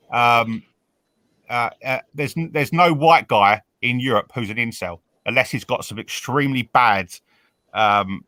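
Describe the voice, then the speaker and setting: Halting man chatting on a call. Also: medium pitch, a bit bright, no echo. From England. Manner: halting, repeats words while thinking. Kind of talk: casual group chat.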